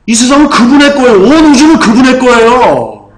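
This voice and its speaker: A man's voice: very high-pitched, big pitch swings, brisk. A man preaching a fervent sermon as pastor. He keeps asking the congregation questions. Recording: echoey hall.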